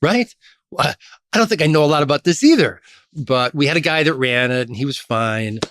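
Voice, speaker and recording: A middle-aged man from Chicago, a guest in an interview, telling lively stories about his career. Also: a little fast, a little hiss or hum. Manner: animated storyteller, lively pitch jumps. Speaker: podcast guest, association executive. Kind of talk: storytelling interview.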